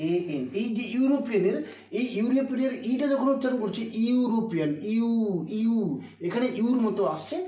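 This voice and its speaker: High-pitched man teaching in an echoey room. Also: a little mellow. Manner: repeats words slowly, asks and answers own questions. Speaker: English teacher. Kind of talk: classroom grammar lesson. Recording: echoey room, mic far off.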